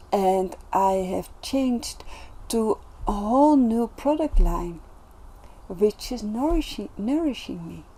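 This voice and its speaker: A woman vlogger talking in a casual, reflective monologue, gentle and earnest, with many pauses and restarts. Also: fairly high pitch, husky. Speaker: self-development vlogger.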